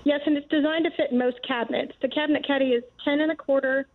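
A woman's voice: sits high, fairly even intonation, quick pace. A woman phoning in as a product's inventor, explaining it politely, practically and step by step. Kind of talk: explanatory product demonstration by phone. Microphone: phone call into live show. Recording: tinny, narrow phone line.

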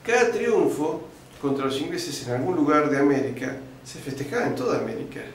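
A man with an Argentine accent, a guest in an interview, telling a long history lesson and often stopping on "este" and "eh" and clearing his throat. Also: fairly high pitch, very animated, brisk. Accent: Argentine Spanish. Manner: didactic storyteller, uses fillers like "este" and "eh", clears throat often. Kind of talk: lecturing historical account. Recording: very echoey room with faint background noise.

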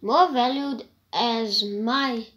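A woman from Africa, casually showing things to camera in a hesitant, rambling way with soft whispered asides. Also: on the high side, drawn-out words, dull audio. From South Africa. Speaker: vlogger. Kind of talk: casual show-and-tell vlog.

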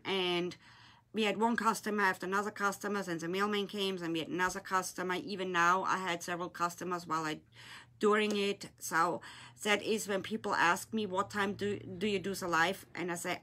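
Working with her hands at a glittery table in her craft room, a German-accented shop owner chats to livestream viewers in English, her second language, with loose grammar. Her mid-range voice sounds bright and forceful, captured by a phone or camera on the desk aimed at her hands.

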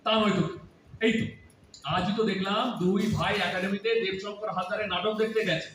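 A radio drama actor voices a grown son in a Bengali audio play, poking fun at and lecturing his mother and aunt. He speaks fairly quickly in a high, slightly bright voice with flat delivery, and the sound is distant and echoey with a faint hiss.

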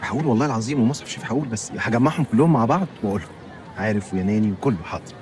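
A man's voice: fairly low pitch, a little mellow, a little hiss or hum, close to an everyday voice. A man playing a flustered, apologetic young man. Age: young adult. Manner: flustered, apologetic, fast comic patter. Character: lonely overweight young man, nervous and polite. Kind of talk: film comedy acting.

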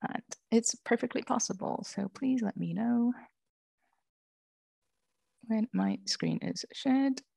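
A woman's voice: fairly high pitch, expressive, slow pace, gravelly, pauses often, mellow, slightly rough, no echo. A woman in her thirties from England, giving a friendly, self-deprecating panel talk over a video call on a headset. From England (born in Wales, grew up in Liverpool). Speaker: games industry panelist. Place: small room indoors.

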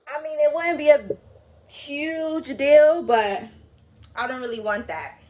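A woman's voice: high voice, slow pace, a little mellow. A woman hosting a hands-on craft tutorial, chatting casually and folksily to viewers as she works. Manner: folksy, addresses viewers as y'all; talks while working with hands. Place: small indoor craft workroom. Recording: noisy room, uneven camera-mic sound.

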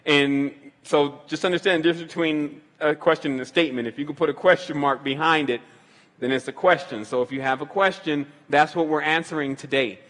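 A man's voice: a little high, fairly even intonation, a little fast, a bit bright. Man hosting a call-in show, reverberant. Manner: rambling, loose explanations with many restarts. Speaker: radio show host taking calls. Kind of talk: casual call-in talk.

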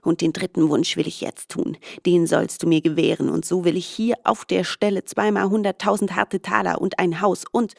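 A woman's voice: on the low side, level tone, normal speed, creaky, few pauses, no room sound, clean studio sound. A woman voicing a greedy, reckless young male glassmaker who complains and demands. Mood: demanding.

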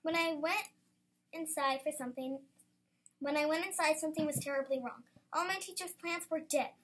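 A young girl, a student, reading her own story aloud, lively and bursting into excited exclamations. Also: high-pitched, normal speed, a little hiss or hum. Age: child.

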